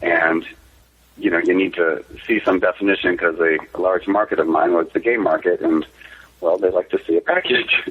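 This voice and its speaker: A man's voice: low-pitched, steady tone, moderate pace, husky. A man, a company founder, telling candid, rambling anecdotes in a casual interview over the phone. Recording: tinny phone line.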